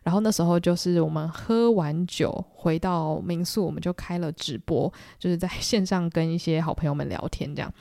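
A young woman from Taiwan with a Taiwanese Mandarin accent, hosting a podcast and telling self-mocking stories in an animated way. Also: fairly low pitch, fairly quick, vocal fry, hardly any pauses, no room sound, clean studio sound. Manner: animated, self-mocking, acts out quoted lines. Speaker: podcast host. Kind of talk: solo storytelling chat.

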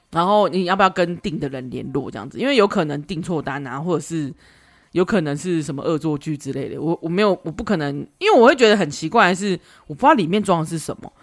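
Animated woman podcaster. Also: fairly low pitch. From Taiwan. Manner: animated, laughs often while retelling. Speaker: podcast host. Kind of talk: casual storytelling.

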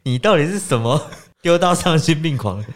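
A man's voice: fairly high pitch, expressive, moderate pace, a little hiss or hum. A man with a Taiwanese Mandarin accent, co-hosting a casual podcast and reacting to stories with short, teasing remarks. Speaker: podcast co-host. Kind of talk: casual chat.

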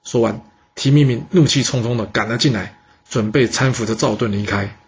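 A man telling a history story in a lively, chatty way. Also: mid-range voice, husky. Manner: lively, chatty, drawn-out particles. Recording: dull lo-fi recording.

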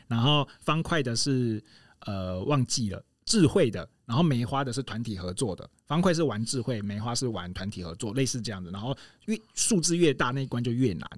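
A man chatting on a podcast, quick and rambling, he trips over his words and circles back as he explains, and the sound is close and dry with no room around it. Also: mid-range voice, animated, no echo. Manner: rambling storyteller with many restarts and laughs. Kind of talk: casual podcast chat.

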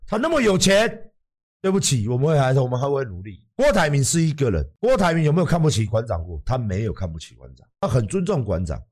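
A man's voice: mid-range voice, sing-song, quick pace, hardly any pauses, a little mellow, husky. A man with a Taiwanese Mandarin accent, hosting a livestream and talking bluntly to his viewers, swearing freely and acting out other people's lines. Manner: blunt, emphatic, swears freely, acts out quotes. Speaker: livestream host.

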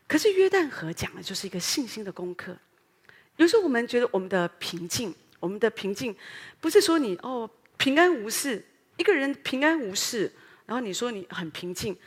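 A middle-aged woman pastor with a Taiwanese Mandarin accent, preaching an earnest, animated sermon full of fillers and rhetorical questions. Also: mid-range voice. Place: church sanctuary. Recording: long hall reverb.

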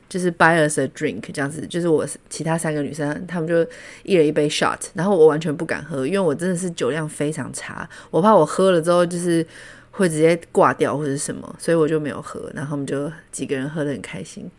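A woman from Taiwan with a Taiwanese Mandarin accent, hosting a podcast and telling stories in a casual, animated way, laughing often. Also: low-pitched, fast talker. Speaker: podcast host. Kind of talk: casual storytelling.

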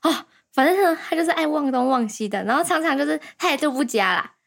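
A woman's voice: high voice, expressive, fast, vocal fry. A young woman co-hosting a casual couple's podcast, teasing and playfully complaining. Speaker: podcast co-host.

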